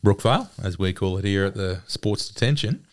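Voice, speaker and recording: Low, clear-voiced Australian man chatting. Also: expressive, brisk. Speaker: sports podcast host. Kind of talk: casual chat, opinionated sports and TV commentary.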